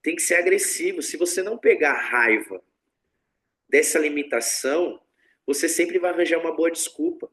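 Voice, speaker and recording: A man's voice: a little high, moderate pace. A man teaching tantra in a casual spiritual talk, blunt and slangy, often swearing and acting out what other people say. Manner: blunt, slangy and profane, animated, acts out quoted voices.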